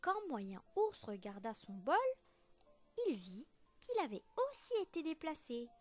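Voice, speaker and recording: Slow expressive woman reading a story. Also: a little high. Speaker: teacher. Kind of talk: children's story read aloud.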